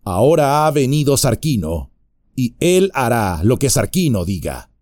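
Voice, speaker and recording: A man's voice: mid-range voice, very animated, measured pace, a little mellow, no room sound, studio quality, voice pushed up. A man voicing a big, sneering, brutish ruffian in an audiobook, menacing and mocking. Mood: threatening.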